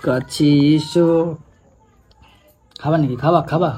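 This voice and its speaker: A woman's voice: low voice, slow pace, crowd noise. A woman coaxing and teasing playfully as a vlog host in casual family banter.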